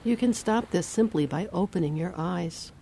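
Woman, low voice, soft mellow tone, soothing hypnosis guide, faint room hum. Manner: slow, soothing, measured phrasing. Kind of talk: guided relaxation script.

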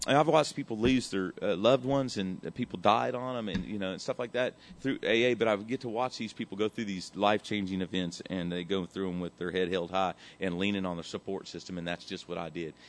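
A man's voice: low voice, fairly even intonation, fairly quick, hardly any pauses. A man, sharing his recovery story in a candid, emotional, rambling way, often saying "man" and swearing casually. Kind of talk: candid personal testimony.

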